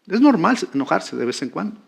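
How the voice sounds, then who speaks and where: Higher-pitched male preacher. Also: sing-song, brisk, gravelly, slightly rough. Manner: conversational preaching with questions to the congregation. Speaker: pastor. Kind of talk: sermon.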